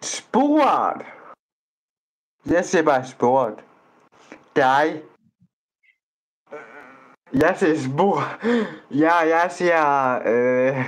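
A man's voice: a little high, low-quality recording. A man vlogging as he chats with strangers online, blunt and teasing, often tripping over his words and starting sentences again. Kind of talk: casual chat.

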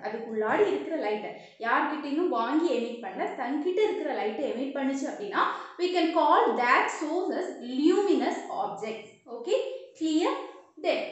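A young woman with a South Indian Tamil accent teaching a lesson, repeating phrases and asking checking questions. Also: high-pitched. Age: young adult. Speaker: physics teacher. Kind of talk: classroom lesson with simple explanations. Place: small indoor room with whiteboard. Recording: very echoey bare room.

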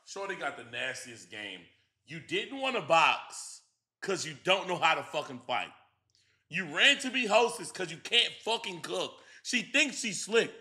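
A man streaming his reactions to a reality show, talking loudly, laughing and swearing as he banters. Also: a little high, big pitch swings, unhurried, slightly rough. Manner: loud, laughing, profane banter. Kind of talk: casual reaction commentary.

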